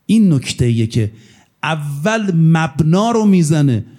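A male cleric giving a sermon, telling stories with emphatic rises in pitch on his key points. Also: sing-song, warm tone. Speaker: cleric preacher.

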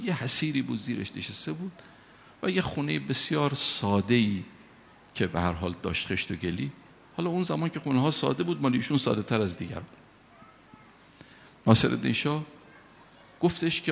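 A man preaching a sermon, telling stories with emphatic rises in loudness. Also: mid-range voice, expressive, gravelly, pauses often. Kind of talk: sermon with storytelling. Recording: long hall reverb.

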